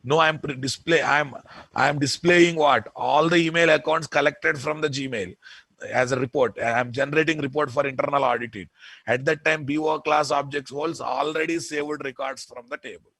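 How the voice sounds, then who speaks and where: A man with a Telugu Indian accent teaching software in an informal lecture, repeating points emphatically and often checking with listeners. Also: on the high side, steady tone, moderate pace, no room sound. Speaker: programming instructor.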